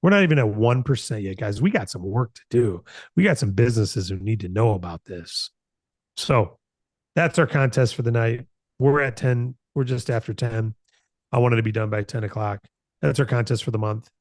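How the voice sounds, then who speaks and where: This is the founder of a company, an American man in his late fifties, hosting a broker announcement meeting. His medium-pitched voice is a little mellow and moves at a moderate pace without echo, as he gives an informal, earnest motivational talk and repeats phrases for emphasis.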